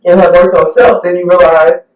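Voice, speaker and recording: Casual co-host, a man with a high voice, animated and blunt, picked up far off in an echoey room. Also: a little fast. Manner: animated, swears freely, acts out quoted voices. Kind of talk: casual candid chat. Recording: echoey room, far from the mic, dull sound.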